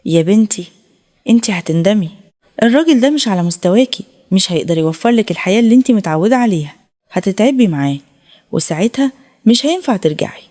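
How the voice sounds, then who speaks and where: A woman's voice: medium pitch, lively intonation, quick pace, warm tone, lightly acted. A tearful Egyptian mother, as a woman reads her. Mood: pleading. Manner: pleading. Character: tearful worried middle-aged mother.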